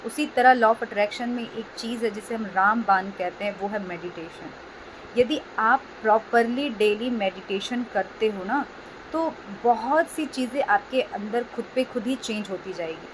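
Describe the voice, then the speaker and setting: A woman hosting a self-help video, giving gentle casual advice to her viewers and checking in often with them. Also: a little high, unhurried, background noise. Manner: gentle, repeats "ठीक है" often. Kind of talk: casual advice talk to camera.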